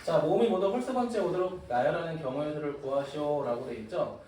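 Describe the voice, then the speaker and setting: A man teaches a math class, joking with and teasing his students while he explains. His voice is a little high and dark-toned, his pace quick, and the lecture is recorded from a distance in an echoey, noisy room.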